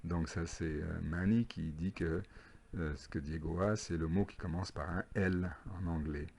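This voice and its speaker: Guy teaching english homework, real low voice, patient, says stuff over slowly. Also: fairly even intonation, gravelly, darkish tone, breathy edge. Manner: patient, repeats phrases slowly. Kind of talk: recorded homework lesson.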